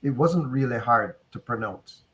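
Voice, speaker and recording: A Jamaican-accented man joins an online panel discussion over a video call, sharing candid personal anecdotes in a conversational way. His mid-range voice is lively in intonation, a bit bright, and moves at normal speed.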